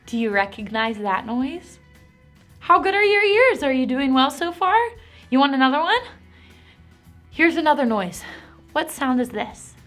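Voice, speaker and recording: An animated, encouraging woman who teaches a Bible lesson to preschool children. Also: high-pitched, unhurried, long pauses, soft background music.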